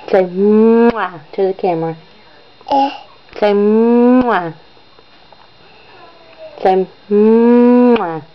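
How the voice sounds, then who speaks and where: A woman's voice: mid-range voice, highs cut off, a little hiss or hum. A mother coaxing her baby in sing-song baby talk, repeating simple words over and over on a home video.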